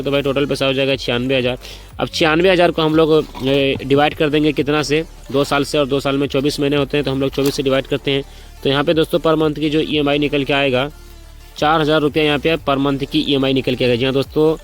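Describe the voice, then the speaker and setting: A man in a casual vlog, walking viewers through loan arithmetic step by step, repeating figures and calling the audience friends. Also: on the high side. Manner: repetitive, walks through sums step by step, addresses viewers as brothers and friends; speaking slowly and deliberately by choice. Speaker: motorcycle finance explainer.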